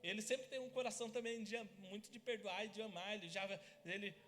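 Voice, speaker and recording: Guy preaching, really high bright voice, big hall echo. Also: quick pace. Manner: lively storytelling, acts out family scenes. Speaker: pastor. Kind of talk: sermon with personal stories. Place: church hall. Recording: church hall reverb.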